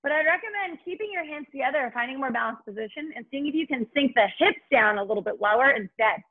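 A high-voiced woman coaches like an aerobics instructor, upbeat and urging. Her voice has a breathy edge. The recording is slightly dull and muffled. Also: expressive, fast talker. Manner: upbeat, encouraging, urging coach with short commands. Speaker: fitness instructor and host. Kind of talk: aerobics instructor leading a workout, calling counts and cues.

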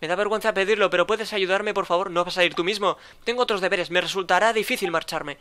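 A man's voice: high-pitched, quick pace, sharp tone, smooth. A man with a Spain Spanish accent voicing an earnest, dutiful male public official in a game, polite and formal.

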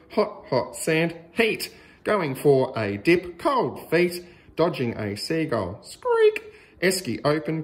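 His voice a little high, an Australian man reads aloud from a picture book for young children. The delivery is deliberate and sing-song, with exaggerated emphasis.

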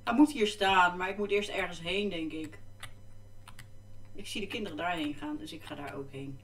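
A woman's voice: lowish voice, animated, moderate pace, far from the mic, slight background noise. Woman chatting over a game, echoey room. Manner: chatty, easily distracted, exclaiming. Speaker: gaming vlogger. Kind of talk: casual gameplay commentary. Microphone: desk microphone. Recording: echoey room, mic off to the side.

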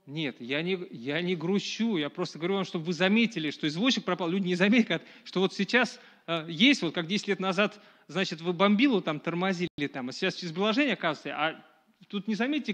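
A high-pitched middle-aged man addresses a live audience at a public lecture held in a small dark room. He speaks casually, with many fillers and restarts, and a camera captures him from a distance.

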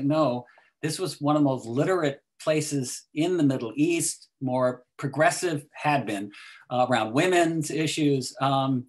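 An older man speaks over a video call from a small room at home, thoughtful and measured and often restarting. His pitch sits in an ordinary middle range. He sounds like a poet and teacher discussing his work. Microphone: video call webcam.

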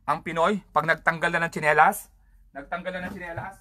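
A comedian hosts his own show with a crude, rambling rant full of swearing. His voice is bright and forceful. The sound is dry and close, with no room echo. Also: fairly high pitch, fairly even intonation, a little fast. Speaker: comedian host. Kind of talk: casual stand-up style rant.

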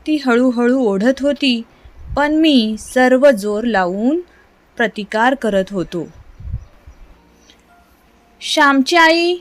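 Slow, measured woman reading a story. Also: on the high side. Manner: measured, expressive narration. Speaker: reader.

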